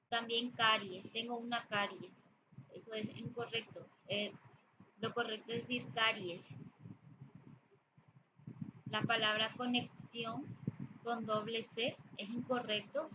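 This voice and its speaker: Slow-talking woman teaching a class. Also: a little high, steady tone. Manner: slow, explanatory, with fillers. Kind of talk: spoken grammar lesson. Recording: dull lo-fi audio with background noise.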